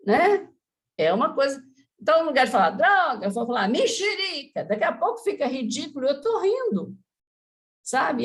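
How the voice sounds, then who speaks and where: A woman's voice: fairly high pitch, vocal fry. A woman giving an informal spiritist lecture in Brazilian Portuguese, chatty, with frequent asides to her listeners.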